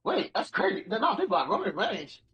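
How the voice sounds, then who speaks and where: A man's voice: sits high, wildly swooping pitch, fast, muffled recording. A man in a casual stream chat, rambling, repeating himself and swearing often.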